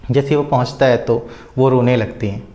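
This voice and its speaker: A man casually retelling a story out loud, with a rambling flow full of filler words and small hesitations. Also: mid-range voice, steady tone, brisk.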